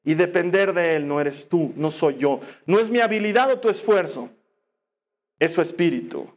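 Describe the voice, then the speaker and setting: A man preaching a sermon, retelling a Bible story in an animated, storytelling way with slow, emphatic phrasing. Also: a little high.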